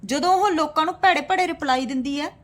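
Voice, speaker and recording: A woman's voice: high-pitched, fast. A woman in her thirties talking straight to camera in a casual roast vlog, scornful and indignant, calling her viewers brothers and sisters. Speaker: vlogger.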